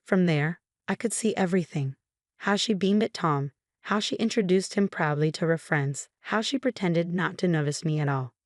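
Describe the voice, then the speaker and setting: A woman reads a scripted first-person story in an even, measured manner. Her voice sits on the low side and sounds dry and close. There is no room sound around it. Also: dry recording. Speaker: narrator.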